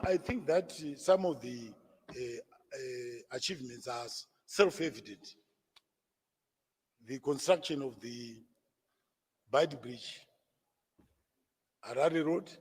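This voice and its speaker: A man, a party spokesman, answering reporters at a press conference in a deliberate, lecturing way with stammered restarts. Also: a little high, breathy edge, long reverb tail. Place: conference room.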